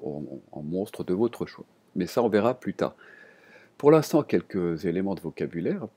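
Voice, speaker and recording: Male teacher, relaxed and hesitant delivery, deep mellow voice; desk recording. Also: breathy edge. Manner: relaxed, hesitant, with many fillers and restarts. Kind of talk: explaining vocabulary to students.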